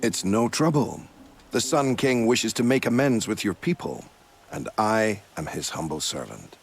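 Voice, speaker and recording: An actor playing a courteous, evasive male commander who smoothly denies wrongdoing. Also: on the low side, sing-song, measured pace, slight background noise, heavily acted. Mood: smooth denial.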